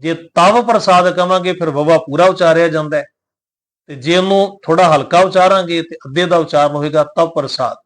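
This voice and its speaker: A man teaching the correct recitation of scripture, chanting verses slowly and deliberately, then explaining them plainly and respectfully to his listeners. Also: fairly high pitch, steady tone. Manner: addresses listeners respectfully and humbly.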